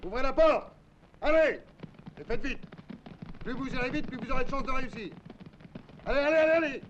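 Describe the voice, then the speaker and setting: High, commanding military officer. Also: male voice, a little fast. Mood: urgent, shouting. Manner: commanding, shouted orders. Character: urgent male military officer rallying medieval soldiers. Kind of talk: dubbed adventure film acting. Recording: dull old film soundtrack, crowd, noise.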